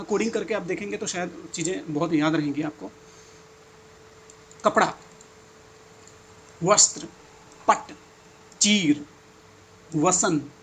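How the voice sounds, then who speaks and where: Young man, teacher type, slightly high voice, reads lists with chatty enthusiasm, faint hiss behind. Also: fairly bright tone. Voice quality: enthusiastic, chatty asides between listed words. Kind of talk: exam-prep lesson reading out word lists.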